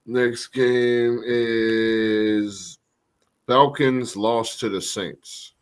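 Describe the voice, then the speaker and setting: Casting: man, low-key co-host, mid-pitched voice, short understated replies. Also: fairly even intonation, very slow, smooth. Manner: quiet, brief, mostly backchannel murmurs. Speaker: podcast co-host. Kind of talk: casual sports chat.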